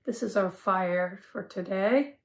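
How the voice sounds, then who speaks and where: A woman minister speaking in a direct, measured way during a worship service. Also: medium pitch. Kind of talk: sermon.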